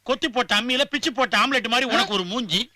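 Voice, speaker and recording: A man's voice: very high-pitched, fast, sharp tone, dry recording, clean studio sound, full character voice. An actor playing a wisecracking male sidekick, talking in a teasing, mocking way with a Tamil accent. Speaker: comic sidekick in a film. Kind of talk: film dialogue.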